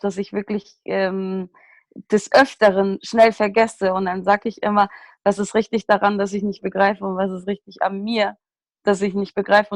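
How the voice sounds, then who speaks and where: A woman's voice: medium pitch, dry recording. Hesitant woman participant, dry sound. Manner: hesitant, says "ähm" and "irgendwie".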